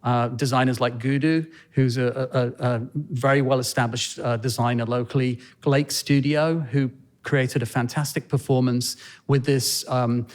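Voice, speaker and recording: A man answering interview questions as a podcast guest, speaking thoughtfully with frequent pauses and restarts. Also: mid-range voice, steady tone. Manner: thoughtful, hesitant, many fillers and restarts. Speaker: podcast guest, fashion designer. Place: penthouse room in Manhattan.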